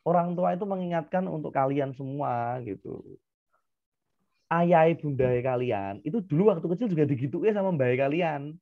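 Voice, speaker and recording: Man, teacher on an online class, gravelly, somewhat high voice, dry lo-fi call audio. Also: moderate pace, dry recording. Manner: animated, acts out parents and children in quotes. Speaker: primary school teacher. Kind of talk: online class talk to children.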